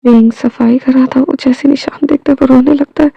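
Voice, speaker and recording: A woman's voice: high voice, fairly even intonation, fairly quick, gravelly, warm tone, slightly rough, no echo, highs cut off. A woman narrating a fan fiction story aloud in a plain storytelling manner.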